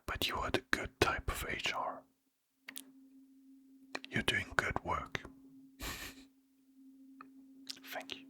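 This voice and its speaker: An ASMR creator softly whispering thanks to supporters late at night, sleepy, with casual slang and rambling asides. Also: low-quality recording.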